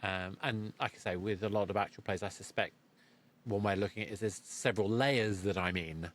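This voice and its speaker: A man with a brisk, lowish voice hosts a podcast interview. He feels his way through his sentences, rephrasing as he thinks out loud.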